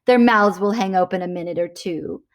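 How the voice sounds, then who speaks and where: A woman's voice: on the low side, moderate pace, close to an everyday voice. A woman voicing a sly, gloating, grouchy male storybook creature, relishing the words.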